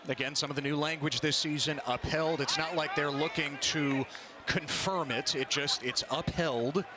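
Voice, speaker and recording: A man's voice: fairly high pitch, fairly even intonation, normal speed. A man calling live football play-by-play in a conversational, explanatory way. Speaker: play-by-play sports commentator. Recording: clear stadium background noise. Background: outdoor stadium ambience.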